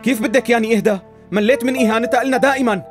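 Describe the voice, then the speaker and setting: An actor playing a hot-tempered, protective young nephew with a Syrian accent, protesting indignantly in a dubbed TV drama. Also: male voice, very high-pitched, fairly even intonation, racing, over music. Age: young adult.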